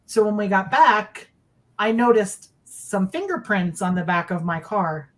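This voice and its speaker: Speaking indoors over a video call, a middle-aged woman casually recounts her sightings in an animated, unhurried mid-range voice. She's emphatic and repeats phrases for effect.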